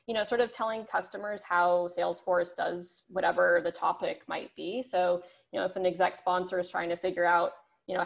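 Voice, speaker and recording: Woman, 30s, headset mic; earnest panelist, gravelly low tone. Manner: earnest, hedging with "sort of". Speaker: customer success panelist. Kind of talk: casual panel talk on a video call. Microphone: over-ear headset.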